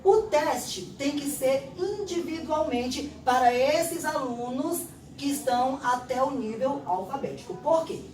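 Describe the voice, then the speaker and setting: A woman's voice: high voice, measured pace, darkish tone, slight background noise. A woman with a Brazilian Portuguese accent, a literacy teacher explaining a classroom test step by step and acting out exchanges with pupils. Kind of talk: instructional explanation. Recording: roomy echo, distant mic.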